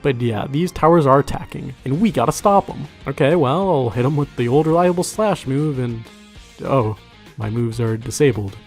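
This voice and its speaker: A man's voice: mid-range voice, animated, normal speed, soft background music. A man reviewing a video game in casual, conversational scripted narration, with wry, sarcastic asides.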